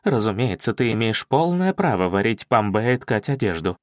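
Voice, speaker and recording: Мужчина озвучивает надменную старшую жену, говорящую твёрдо и ехидно. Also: male voice, on the low side, very animated, moderate pace, no echo, studio quality. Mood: firm. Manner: firm, snide. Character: haughty senior wife, grown woman.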